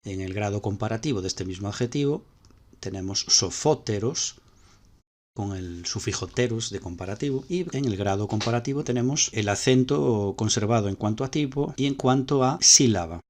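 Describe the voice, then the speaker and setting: A man's voice: on the low side, normal speed, a little mellow. A man with a Spanish accent teaching ancient Greek grammar step by step, repeating key points as he explains slides.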